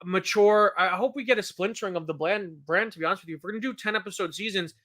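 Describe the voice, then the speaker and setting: A man in his thirties chats casually on a fan podcast. His voice is bright and clear. He rambles, restarts his sentences and pokes fun at himself. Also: high voice, fast. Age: 30s. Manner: rambling, self-deprecating, with frequent restarts and laughs. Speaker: podcast co-host. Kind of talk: casual chat.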